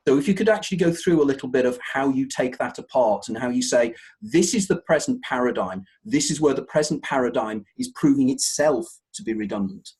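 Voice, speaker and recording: A man's voice: medium pitch, animated, brisk, darkish tone. A man hosting an interview show, enthusiastic and often repeating words as he searches for the next phrase. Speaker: host.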